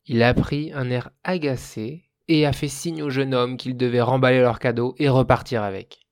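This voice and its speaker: A man narrating a folk tale as a storyteller. His reading is calm and measured, in a voice of middle pitch. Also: dry recording, studio quality.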